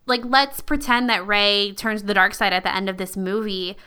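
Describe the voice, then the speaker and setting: A woman's voice: medium pitch, steady tone, moderate pace, sharp tone, smooth. A young woman co-hosting a podcast, chatting casually and animatedly with lots of fillers. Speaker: podcast co-host. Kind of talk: casual fan discussion.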